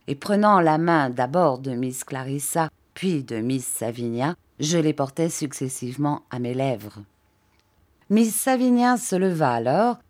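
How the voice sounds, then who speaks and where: Woman calmly reading a classic novel. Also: deep voice. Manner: measured, even storytelling. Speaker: audiobook reader. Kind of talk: literary audiobook narration.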